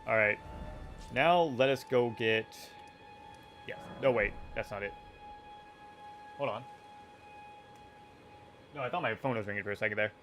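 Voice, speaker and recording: A man chats casually as he streams a video game, thinking aloud and cracking jokes. His pitch sits in the ordinary middle range. Faint music plays in the background. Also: unhurried, pauses often, a bit bright. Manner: chatty, self-talking, joking. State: hiccuping.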